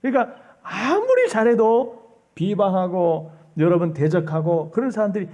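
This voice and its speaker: A male pastor delivers a Sunday sermon in a high but mellow voice. He pleads with the congregation and drives each point home with emphasis. Now and then he slips into the mocking tones of scoffers to make his point. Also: sing-song, normal speed, dull audio.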